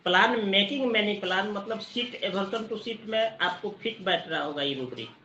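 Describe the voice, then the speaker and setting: High, bright-voiced man teaching. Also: roomy sound, lo-fi sound, a little hiss or hum. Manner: explanatory, repeats technical terms slowly. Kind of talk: online study-group lecture. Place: sitting near a busy market.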